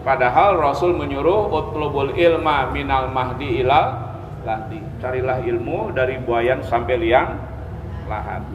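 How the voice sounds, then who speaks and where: A male Islamic preacher and religious teacher delivers a slow sermon to a study group at a live gathering in a mosque hall. His mid-range voice sounds dull and echoey, with long reverb and background noise, and he teaches didactically, repeating key phrases and pausing to check with listeners.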